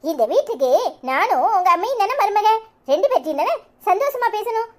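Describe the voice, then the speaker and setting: A woman voicing a sharp-tongued young wife in a cartoon serial, scolding in a Kanyakumari Tamil accent. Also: very high voice, sing-song, brisk. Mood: aggrieved. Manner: scolding, combative. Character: sharp-tongued young wife fighting her co-daughter-in-law.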